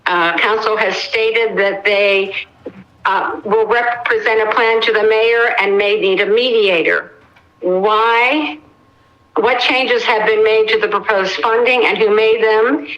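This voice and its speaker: A woman's voice: a little high, fairly even intonation, slow pace. Woman heard over a speakerphone. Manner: methodical, lists questions one by one. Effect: heard over a phone on speaker. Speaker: caller making public comment. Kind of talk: reading prepared questions at a council meeting. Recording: dull lo-fi phone on speakerphone.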